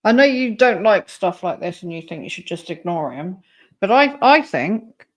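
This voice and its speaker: Chatty and sing-song at a normal pace, a woman with a medium-pitched voice reacts to a clip during her casual live stream and talks with her chat, reading messages out loud.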